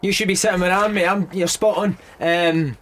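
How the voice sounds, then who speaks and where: A man's voice: high-pitched, fairly even intonation, fairly quick, a bit bright, slight background noise. A Scottish man talking football as a radio pundit, chatty and keeps calling the caller "mate". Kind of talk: casual phone-in chat.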